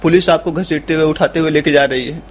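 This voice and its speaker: A man's voice: fairly high pitch, fairly even intonation, fast talker, slight background noise. Polite man asking interview questions. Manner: polite, probing, many short acknowledgements. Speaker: podcast host. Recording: dull lo-fi audio, faint ambience.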